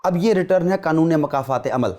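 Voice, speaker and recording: A man's voice: fairly high pitch, mellow. A man, a guest lecturer explaining earnestly, emphatic and full of rhetorical questions. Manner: emphatic, rhetorical questions, mixes in English words. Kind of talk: earnest explanatory podcast talk.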